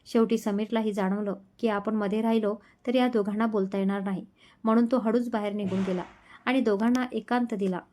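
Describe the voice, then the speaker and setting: A woman storyteller reading a romance story aloud in a gentle, emotional narrating style. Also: medium pitch, steady tone, brisk. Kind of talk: scripted narration.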